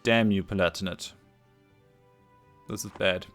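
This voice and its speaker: A man's voice: low voice, fairly even intonation, a little slow, a bit bright, soft background music. A man commentating a strategy game as he plays, thinking aloud, hesitant, with many fillers and restarts, his voice tiring. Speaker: let's play host. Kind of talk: casual gameplay commentary.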